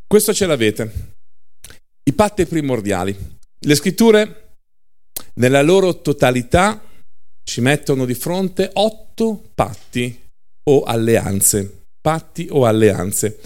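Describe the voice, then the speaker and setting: Emphatic male preacher, slow. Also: medium pitch, sing-song, darkish tone. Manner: emphatic, repeats words, spells letters with city names. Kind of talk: sermon teaching.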